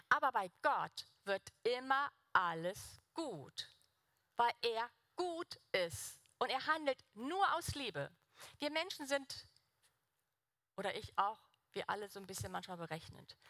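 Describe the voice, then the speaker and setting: A woman's voice: fairly high pitch, pushed and bright, no room sound, studio quality. A young woman preaching a sermon in an earnest, conversational way, putting direct questions to the congregation.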